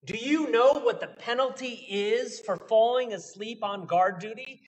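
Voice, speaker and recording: A man's voice: extremely high pitch, measured pace, distant mic. A man voicing a stern ancient general who questions and commands. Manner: commanding, demanding.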